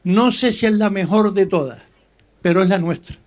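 A man's voice: high voice, moderate pace. A man speaking as mayor, giving a ceremonial speech at a public festive event.

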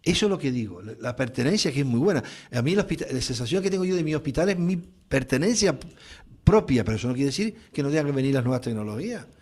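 A man's voice: medium pitch, lively intonation, fast talker, a little mellow. A Canarian man holding forth in a heated radio debate. He talks emphatically and circles back to the same point again and again, pressing it home. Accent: Canarian Spanish. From Canary Islands. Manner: emphatic, repeats points, interrupts.

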